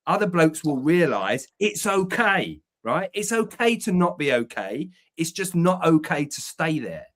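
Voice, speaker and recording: This Englishman co-hosts a podcast from an upstairs room in his home and founded a men's community. His voice sits a little high, with an unhurried, sing-song lilt. The talk is earnest and conversational; he swears for emphasis and repeats words when he's pressing a point.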